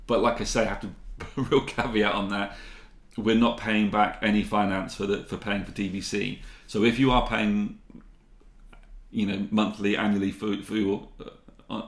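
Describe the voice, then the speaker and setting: A man's voice: fairly low pitch, level tone, normal speed, reverberant. A man in his forties from the UK, co-hosting a podcast in casual chat, rambling with restarts and fillers. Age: 40s. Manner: rambling, many restarts and ums. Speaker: podcast co-host.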